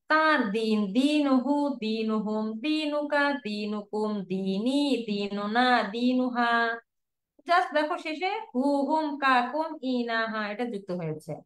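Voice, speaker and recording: A woman teaching a Quranic Arabic lesson online with a Bangladeshi Bengali accent, drilling word forms and repeating them slowly for students. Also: fairly high pitch, echoey room.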